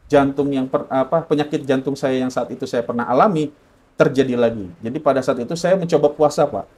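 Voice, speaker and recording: A man's voice: medium pitch, fairly quick, darkish tone. A man from Indonesia telling his personal story in an interview, earnest and correcting himself often.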